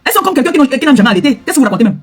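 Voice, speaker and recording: A woman's voice: high voice, very animated, rapid-fire, soft background music. A middle-aged woman, an influencer, giving an angry, confrontational rant straight to camera, hammering the same retorts again and again. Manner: heated, repetitive, confrontational retorts. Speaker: social media influencer.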